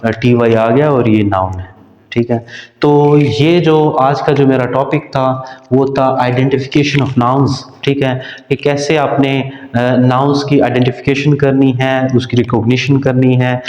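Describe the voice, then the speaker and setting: A male teacher giving a grammar lecture, speaking slowly and repeating words, spelling them out letter by letter. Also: medium pitch, darkish tone. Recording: dull echoey room recording.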